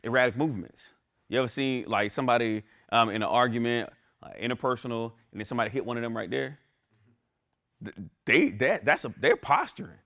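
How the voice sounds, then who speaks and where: Speaking at medium pitch and a brisk pace, a male instructor gives a conversational class lecture. He's animated and keeps checking in with listeners, tossing out "right?" again and again.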